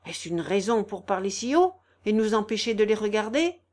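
A woman voicing a scolding, sharp-tongued older housekeeper who chides loudly in a storybook reading. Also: mid-range voice, big pitch swings, moderate pace, natural voice. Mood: chiding. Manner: loud, chiding, exasperated.

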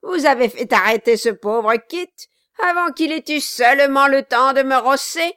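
A woman's voice: sits high, moderate pace, fairly bright tone, no echo, studio quality, pitched above the performer's own voice. A woman voicing a hideous, gleeful dwarf man who jeers and cackles with mocking laughter. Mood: jeering glee. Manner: shrieking, jeering with cackling laughs.

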